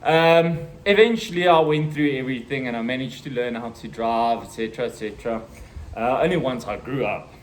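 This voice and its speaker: A South African man in his thirties telling a personal story in a casual vlog, acting out the voices and the shouting. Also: mid-range voice, brisk, a little hiss or hum. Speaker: vlogger.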